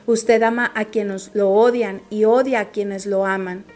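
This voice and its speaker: A woman reading the part of a stern male army commander, blunt and reproachful, in a firm, measured way. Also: medium pitch, fairly even intonation, a little mellow, close to an everyday voice.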